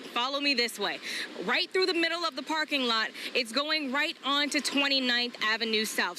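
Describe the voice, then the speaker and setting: A woman field reporter giving a live storm report outdoors, projecting forcefully in the wind. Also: high-pitched. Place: outdoors on a flooded street by a marina. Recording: outdoor vehicle and ambient noise.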